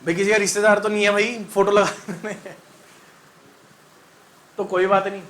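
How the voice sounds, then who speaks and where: Bright, high-pitched Indian chemistry teacher. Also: male voice, level tone, normal speed. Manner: quizzing students, joking, sings mnemonics. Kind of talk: classroom lesson with call-and-response.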